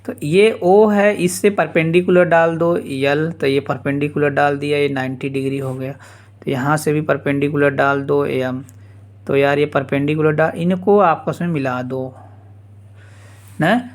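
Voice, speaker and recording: A man's voice: a little high, fairly even intonation, measured pace. A man teaching a geometry proof step by step, casually repeating each step and calling the listeners "yaar". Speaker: math teacher. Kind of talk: blackboard geometry lesson.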